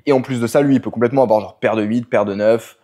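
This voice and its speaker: A man's voice: mid-range voice, steady tone, quick pace, mellow. A man telling his poker session as a vlog, analytical and full of English poker jargon. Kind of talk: storytelling vlog narration.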